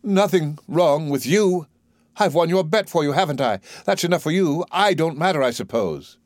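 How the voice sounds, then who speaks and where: Furious, bitter and defiant, the proud young working-class woman in this play reading is performed by a man who raises his pitch above his own while keeping a natural sound. The voice sits at medium pitch and moderate pace, and the emotional delivery is recorded dry and at studio quality.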